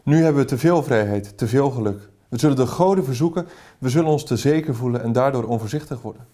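A melancholy young woman in love, voiced by a man reading from a novel. Her anxious lines are read at a slightly lifted pitch in a dark, mellow tone. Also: fast, close to an everyday voice.

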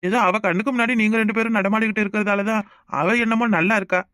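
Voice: mid-range voice, fairly even intonation, quick pace, a bit bright, dry recording, clean studio sound, lightly acted. A performer voicing a bossy but caring middle-aged village uncle in a cartoon, with a Kanyakumari Tamil accent. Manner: bossy but affectionate, scolding. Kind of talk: cartoon voice acting.

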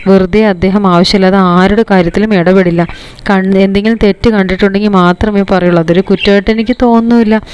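A woman's voice: medium pitch, fairly even intonation, quick pace, darkish tone, clean tone, highs cut off, natural voice. A woman voicing a loyal young wife who firmly defends her husband. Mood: defiant. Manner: firm, defiant.

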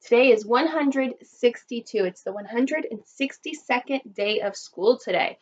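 A woman's voice: fairly high pitch, animated, measured pace, darkish tone. A woman in her thirties teaching young children in a kids show host manner, prompting them and counting along. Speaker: elementary school teacher. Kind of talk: math lesson for young children. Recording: dull lo-fi webcam sound.

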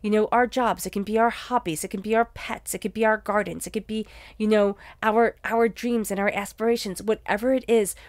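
A tarot reader, congested from allergies, gives a conversational spiritual reading in a mid-range voice with fairly even intonation. She talks fairly quickly and earnestly repeats and rephrases for emphasis, in a dry, clean studio recording.

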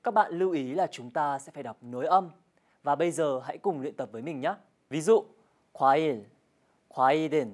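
Low-voiced woman leading a language drill. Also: fast, darkish tone. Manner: friendly, guiding viewers through drills and games. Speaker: Korean language teacher co-host. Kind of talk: scripted TV language lesson.

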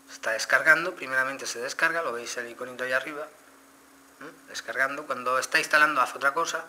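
A phone reviewer with a Spain Spanish accent casually demonstrates a phone, talking straight to viewers and explaining each step. His mid-range voice is fast, pushed, and bright, with fairly even intonation. There is slight background noise.

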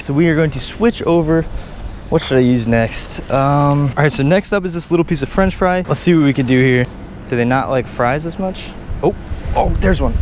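Excitable young man fishing outdoors. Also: fairly high pitch, a little hiss or hum. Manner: excitable, says "literally" and "dude" a lot. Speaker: fishing vlogger. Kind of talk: casual fishing vlog. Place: outdoors by a pond. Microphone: action camera worn on body.

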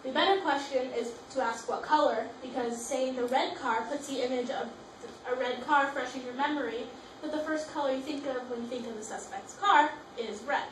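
Speaking at a moderate pace in a high voice, a young student presenter reads from her notes for a class presentation about her school project, frequently starting words over. The mic catches her from a distance in an echoey room, with a little noise in the background.

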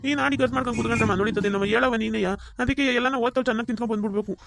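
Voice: mid-range voice, fairly even intonation, rapid-fire, vocal fry, noisy background, lightly acted. A performer voicing a greedy, lazy village man, wheedling in a cartoon. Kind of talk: cartoon voice acting.

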